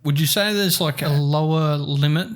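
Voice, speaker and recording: A man's voice: on the high side, normal speed, a little hiss or hum. A man hosting a casual podcast chat, easygoing with dry jokes and frequent agreement.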